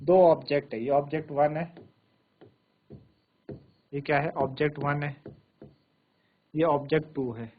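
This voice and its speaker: Guy teaching science class, keeps quizzing the kids, slow dictating bits, kinda high voice, tinny phone sound. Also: fairly even intonation, slight background noise. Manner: repetitive, quizzing questions to pupils; slow, word-by-word dictation of English definitions. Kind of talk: classroom lecture in Hindi with English terms. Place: TV studio virtual classroom.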